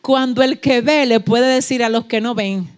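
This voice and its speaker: A woman preacher, giving a fervent sermon that swings from soft asides to shouted peaks and acts out quoted dialogue. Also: on the high side, normal speed. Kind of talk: Pentecostal-style sermon.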